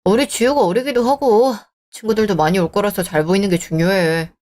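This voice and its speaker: A woman's voice: mid-range voice, fairly quick, darkish tone, lightly acted. A woman voicing a selfish, dismissive young married man in a radio drama, talking scornfully. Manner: scornful, bickering. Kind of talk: Korean radio drama acting.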